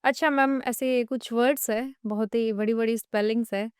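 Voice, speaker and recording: A woman hosts a podcast interview, putting polite questions to her guest and agreeing with short replies. Her voice is smooth, clear and a bit high. The sound is dry and close to the mic. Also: steady tone, normal speed, no room sound. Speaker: podcast host.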